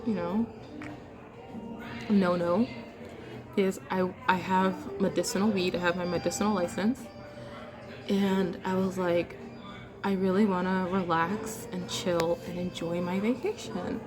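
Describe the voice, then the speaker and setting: Over music in an airport terminal, a South Florida vlogger in her twenties who works night shifts as a nurse rambles chattily with many fillers, clearly short on sleep. She speaks fairly low and a little slowly, with fairly even intonation and long pauses.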